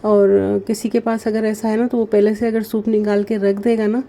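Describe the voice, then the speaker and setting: A woman, narrating her daily routine vlog slowly and gently because of a sore throat. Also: medium pitch, little pitch movement. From Pakistan. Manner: slow, gentle and chatty, with many fillers. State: sore throat, speaking softly. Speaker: vlogger. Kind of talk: casual voice-over narration.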